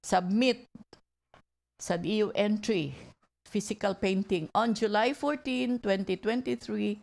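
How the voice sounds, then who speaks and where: A woman hosts a radio program, reading community announcements into a studio mic. She goes slowly and deliberately, tripping over words now and then. Her voice has a gravelly, creaky edge. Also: mid-range voice. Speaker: radio host.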